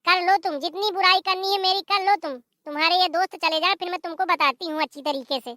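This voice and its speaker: A sharp-tongued village wife from a cartoon comedy, voiced by a performer, bossy and quick to talk back. The voice is very high and piercing, recorded close and dry. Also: steady tone, no echo. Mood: snappy. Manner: snappy, bossy retorts. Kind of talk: animated comedy voice acting.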